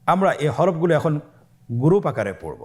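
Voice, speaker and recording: A man's voice: a little high, big pitch swings, a little fast. A man teaching Arabic letters in a recorded lesson, patiently repeating each letter and asking learners to say it with him. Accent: Bangladeshi Bengali. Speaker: Quran teacher.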